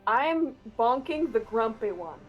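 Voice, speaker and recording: A woman's voice: a little high, lively intonation, unhurried, dull audio, soft background music. Hesitant woman player thinking aloud. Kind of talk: casual tabletop play.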